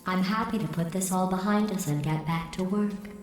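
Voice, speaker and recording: An actress voicing a cold, passive-aggressive female AI computer through a robotic filter, speaking in a deadpan, politely menacing tone. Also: fairly low pitch, normal speed, soft background music. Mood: deadpan sarcastic. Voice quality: smooth synthetic monotone. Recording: echoey game audio.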